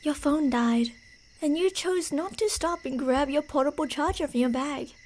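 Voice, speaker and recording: Her high voice moves at a moderate pace with a slightly mellow quality. She is acting in an ASMR horror roleplay as a delusional female yandere stalker, teasingly tracing her prey's path in a menacing, playful narration that drifts into whispers.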